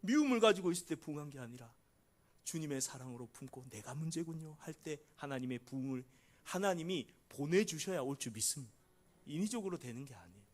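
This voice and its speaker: A middle-aged man preaching a sermon as pastor, acting out quoted prayers with big shifts from loud cries to hushed pleading. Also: expressive, fast talker. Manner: dramatic, acts out quoted prayers with big swings in pitch and volume.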